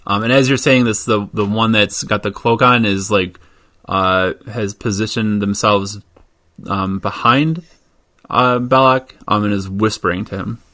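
A man narrating as game master in a tabletop game over an online call, relaxed and full of fillers. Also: fairly low pitch, measured pace.

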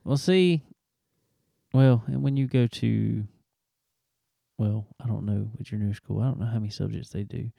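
A man's voice: lowish voice, moderate pace, vocal fry, pauses often, warm tone, dry recording, studio quality. A man hosting a show, talking in a laid-back, joking way. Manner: laid-back, joking, drawling filler words. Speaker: radio show host. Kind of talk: casual chat.

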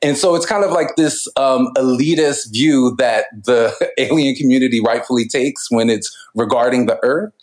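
A man's voice: medium pitch, normal speed, few pauses, a little mellow, poor audio. A man co-hosting a podcast, talking through cultural commentary in a thoughtful way, with frequent laughs and restarts. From United States. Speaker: podcast co-host. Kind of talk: casual cultural commentary chat.

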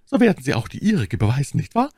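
A man's voice: mid-range voice, wildly swooping pitch, quick pace, creaky, warm tone, husky, dry recording, clean studio sound, pitched above the performer's own voice, exaggerated voice. A man voicing a cold, scheming young noblewoman with a cutting, mocking tone in an audiobook. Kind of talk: audiobook character voice.

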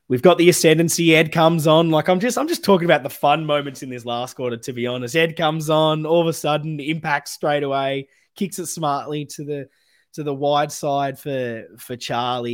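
A young Australian man with a hoarse voice, giving a passionate football match review as a fan podcast host. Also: mid-range voice. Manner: animated, emphatic, swings between loud outbursts and muttering. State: hoarse, losing his voice.

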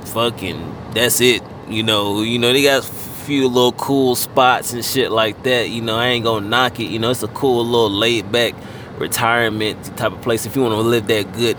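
Laid-back low-voiced man, traffic noise. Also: fairly even intonation, moderate pace. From Fort Lauderdale, Florida. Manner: laid-back, heavy on fillers and casual swearing. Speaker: guest rapper. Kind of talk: casual interview chat.

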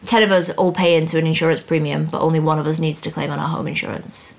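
A young woman hosts a casual finance podcast, breaking exam topics down in plain, upbeat talk. Her voice sits a little low. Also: flat delivery, quick pace, creaky. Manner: explains plainly, chatty and upbeat. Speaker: podcast host teaching finance exams.

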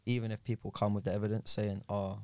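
A man's voice: on the low side, flat delivery, fast, no room sound. A young man with a London accent, talking things over casually on a podcast. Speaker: podcast guest. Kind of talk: casual discussion.

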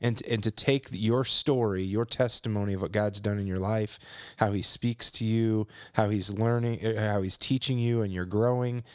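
Man, podcast co-host, earnest, encouraging, halting restarts, lowish voice, dry sound. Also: steady tone, no room sound. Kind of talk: casual faith podcast chat.

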